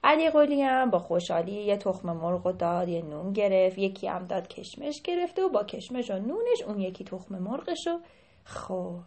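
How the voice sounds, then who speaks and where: A woman telling a folk tale to children and speaking to them directly as she goes. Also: medium pitch. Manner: lively, addresses the children directly. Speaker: storyteller.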